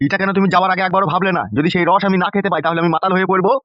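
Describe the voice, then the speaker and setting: A man voices a bullying, lecherous local politician in a comic cartoon, crude and blustering, possessive and demanding, exclaiming things over and over. His high voice races with a flat delivery, close to an everyday voice, and the audio is dull with no echo.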